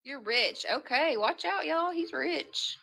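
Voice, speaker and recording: A woman's voice: high-pitched, animated, slow, gravelly, pushed and bright, low-quality recording. A young woman from Tennessee, chatting casually and politely, with some amusement, on a video call. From Tennessee, USA.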